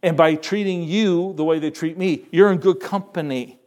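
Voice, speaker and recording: A male preacher voicing God as a gentle, consoling figure speaking softly to a prophet. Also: on the high side, moderate pace, natural voice.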